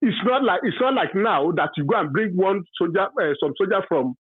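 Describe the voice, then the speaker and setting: A man in his fifties with a Yoruba accent speaks as a radio caller, his husky voice coming through a thin, dry telephone line. He talks in a halting way, full of fillers and restarts, and he presses his points with emphasis. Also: sits high, lively intonation, no room sound. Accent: Nigerian, Yoruba. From Nigeria. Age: 50s. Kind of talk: call-in radio opinion. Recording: dry tinny phone line.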